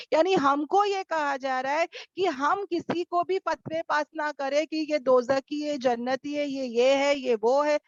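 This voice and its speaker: A woman's voice: high voice, no room sound, muffled recording. A woman teaching a religious lesson to a class of women, often asking questions and answering them herself. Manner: asks and answers her own questions. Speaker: Quran teacher. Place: online class over video call.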